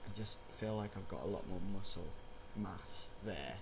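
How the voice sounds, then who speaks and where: Male vlogger, lowish voice, casual and rambling, clearly noisy recording. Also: moderate pace. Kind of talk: casual chat, personal update vlog. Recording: clear background noise.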